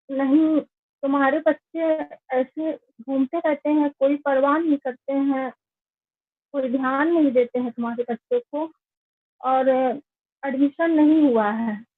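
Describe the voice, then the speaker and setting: A woman, slowly and earnestly recounting her own life story as a testimonial. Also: sits high, no echo. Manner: slow, earnest, plain recounting. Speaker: network marketing member giving a testimonial. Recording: tinny phone-like, dry sound.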